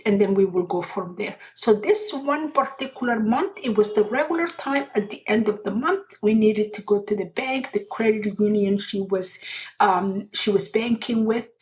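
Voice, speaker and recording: A middle-aged Somali woman hosts a personal storytelling podcast, speaking earnestly and unhurriedly with pauses and restarts. Her voice is mid-range and a little mellow, and the audio quality is poor.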